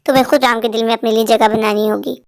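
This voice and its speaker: A woman voicing a wise older mother-in-law in a cartoon story, speaking calmly and soothingly. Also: on the high side, quick pace, no room sound, clean studio sound, voice pushed down, natural voice. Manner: calm, soothing, advising. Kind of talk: dubbed Hindi cartoon story.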